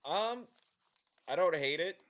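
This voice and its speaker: A man's voice: on the high side, expressive, slow pace, fairly bright tone. A man co-hosting a podcast, sharing opinions in a rambling, casual way. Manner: rambling, many fillers and restarts. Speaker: podcast co-host. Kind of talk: casual chat.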